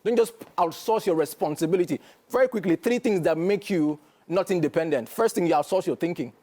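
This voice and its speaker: A male guest commentator with a Nigerian accent speaks on a studio interview in a high-pitched, brisk voice with a darkish tone. He lectures emphatically and keeps asking "do you understand?" to make sure he's being followed.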